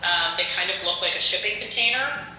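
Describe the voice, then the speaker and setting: A woman giving a business presentation over a speakerphone into a meeting room, halting, with many fillers. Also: fairly low pitch, sharp tone, a little hiss or hum. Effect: heard over a speakerphone in the meeting room. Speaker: remote presenter for a company. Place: remote location, heard through a room speaker. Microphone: phone on speakerphone. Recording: speakerphone played into an echoey meeting hall.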